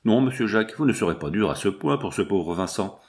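Male reader voicing an anxious young widow, pleading; low-ish voice. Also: expressive, brisk.

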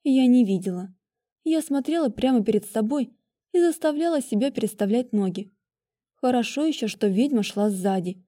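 A woman reading a first-person story aloud with lively, expressive delivery. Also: a little high, moderate pace. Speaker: audiobook reader. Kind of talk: first-person audiobook narration.

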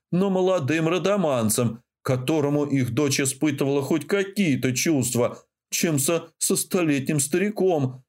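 A man reading a novel aloud as an audiobook narrator, with steady, even storytelling. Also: fairly high pitch. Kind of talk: scripted narration.

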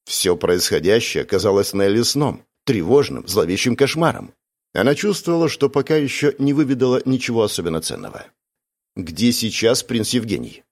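A man reading a novel aloud in steady scripted narration. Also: lowish voice. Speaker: audiobook narrator.

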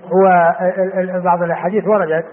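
A man giving a classical Arabic lesson on hadith, explaining in an unhurried way, repeating phrases and using many fillers. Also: high-pitched, flat delivery. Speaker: hadith teacher. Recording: tinny phone-like lo-fi recording with faint hiss.

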